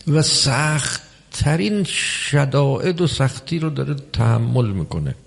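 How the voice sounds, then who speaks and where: A man preaching a religious sermon, measured and emphatic, with long pauses between phrases. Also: mid-range voice, sing-song, vocal fry. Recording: long hall reverb.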